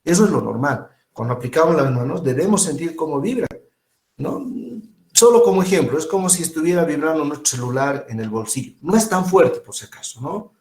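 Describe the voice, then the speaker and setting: Lively male medical lecturer. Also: a little high, a little fast, echoey room. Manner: lively, rhetorical, quips and mimics voices. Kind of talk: informal recorded lecture.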